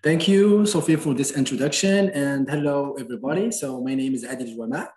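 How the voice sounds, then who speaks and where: Moroccan man, mid-pitched, moderating a video-call panel with stop-start phrasing in a roomy, echoing space. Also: lively intonation, a little mellow. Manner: halting, many restarts and fillers.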